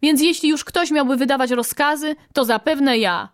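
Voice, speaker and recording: A woman's voice: high voice, moderate pace, dry recording, clean studio sound, pitched above the performer's own voice, lightly acted. A woman voicing a quarrelsome female quail who challenges the leader in a storybook reading. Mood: defiant. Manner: defiant, boastful.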